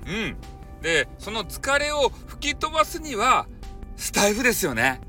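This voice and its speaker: A man's voice: sits high, wildly swooping pitch, moderate pace, bright, forceful tone, soft background music. A man with a Hakata dialect, chatting casually and jokingly as the host of a solo podcast. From Fukuoka, Japan. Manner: chatty, jokey, mixes dialect into polite speech.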